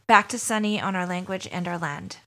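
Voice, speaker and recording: A woman hosting a podcast, reading announcements in a clear, announcing way. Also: lowish voice, brisk, bright, forceful tone. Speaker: podcast host.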